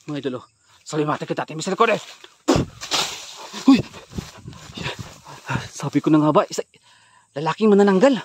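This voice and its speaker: A man's voice: fairly high pitch, lively intonation, normal speed, pauses often, slight background noise. Man, Filipino accent, ghost-hunting vlogger, shaky and startled, outdoor night recording, crickets in background. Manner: startled, shaky, talks straight to viewers. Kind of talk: live paranormal ghost-hunting vlog. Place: outdoors at night in rural brush. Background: crickets chirping.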